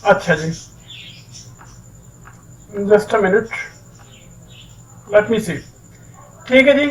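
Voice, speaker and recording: A man teaches English in a recorded online lecture, his voice sitting on the high side. He sounds set back from the microphone. He explains patiently and keeps mixing English phrases into his talk. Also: lively intonation, very slow, far from the mic, rough recording. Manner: explains step by step, keeps saying "ठीक है".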